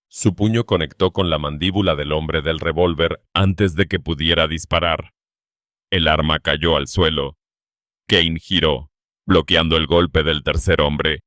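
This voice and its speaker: A man giving a scripted, steady and dramatic narration of a western story. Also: sits low, no room sound, clean studio sound.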